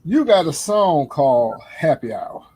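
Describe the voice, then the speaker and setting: A man's voice: fairly high pitch, sing-song, measured pace, dark tone, breathy edge. A man hosting a casual interview, mostly short affirmations and playful asides. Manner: brief backchannels and laughing asides. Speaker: interviewer host.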